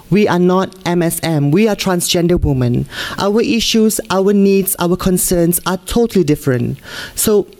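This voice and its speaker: A woman's voice: lowish voice, a little mellow. A middle-aged woman from Malaysia giving a conference talk at a podium microphone in a large hall, earnest and pleading, repeating phrases for emphasis. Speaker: conference speaker.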